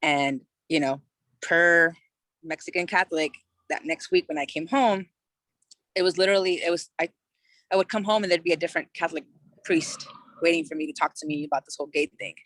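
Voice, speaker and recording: She speaks a little fast in a low-pitched, somewhat bright voice, and the clip has no echo. A woman in her thirties from California, she's a podcast guest telling her personal story in a frank, casual way, full of "you know" fillers and swearing.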